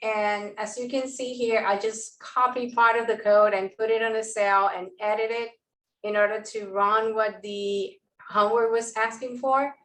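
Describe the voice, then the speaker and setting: A woman's voice: on the high side, fairly even intonation, fairly bright tone. A woman, a course participant, asking careful questions while sharing her screen on an online call. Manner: slow, careful, measured. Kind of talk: online office hours question. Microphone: video call. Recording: roomy, distant from the mic.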